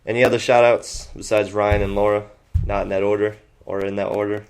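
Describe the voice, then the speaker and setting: Young male podcast co-host, lower pitch, teasing banter. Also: flat delivery, brisk, very noisy. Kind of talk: casual chat.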